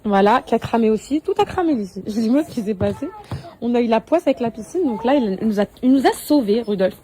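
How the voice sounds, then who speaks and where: A woman's voice: on the high side, animated, fast, mellow. A young woman and mother chatting casually to her followers on a phone story from her kitchen and garden, bubbly and gushing. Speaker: lifestyle influencer and mother. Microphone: handheld phone.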